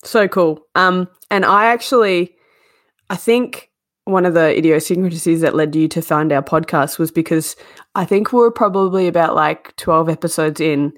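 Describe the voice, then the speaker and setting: A young woman with an Australian accent hosts a casual interview podcast. Her pitch is a bit low and the sound is very dry, without room echo. She speaks informally and effusively. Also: moderate pace. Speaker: podcast host.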